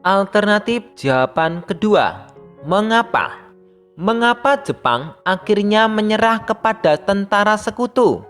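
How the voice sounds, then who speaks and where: A teacher reading a scripted lesson for primary school pupils, speaking to them directly in a steady reading voice. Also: medium pitch, measured pace, clear, resonant tone, faint music behind. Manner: reads steadily, addressing pupils as younger siblings.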